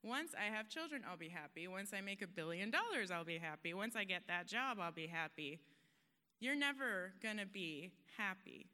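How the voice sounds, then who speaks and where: This conference speaker's motivational talk is earnest and emphatic, and now and then she laughs at herself. She has a medium-pitched, sharp, animated voice and keeps a moderate pace, with long hall reverb audible.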